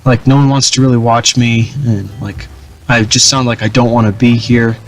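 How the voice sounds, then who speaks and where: A young man hosting a gaming channel talks about his strategy campaign in a relaxed, meandering manner, stumbling into many ums, uhs and restarts. His pitch is in a normal middle range for a man, and his delivery is flat and a bit dull.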